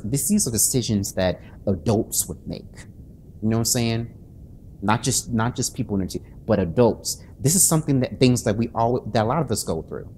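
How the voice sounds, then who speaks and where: With a little hiss or hum in the background, a man of medium pitch and darkish tone chats to camera late at night. He's an author and channel host, sleepless and on edge, and his halting speech is crowded with fillers and restarts as he sounds self-conscious.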